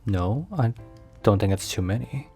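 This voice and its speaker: Here the mafia-boss boyfriend turns matter-of-fact and defensive, his low voice warm with a breathy edge. The ASMR roleplay keeps his careful, formal wording and halting pauses as he looks after his partner, set against background music.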